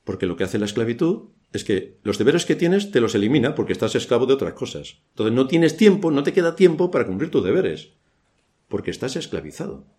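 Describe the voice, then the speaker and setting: A man's voice: medium pitch, sing-song, brisk, a little mellow. A man from Spain with a Spanish accent preaching a church sermon, asking rhetorical questions and adding dry ironic asides.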